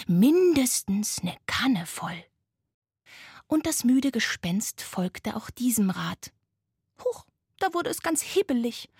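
Breathy woman telling a bedtime story. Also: a little high, no room sound, studio quality. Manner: gentle, expressive, often hushed.

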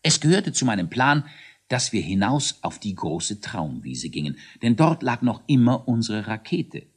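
A man giving an expressive storybook reading for children, shifting into voices for the characters. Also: on the low side, moderate pace, husky. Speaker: narrator.

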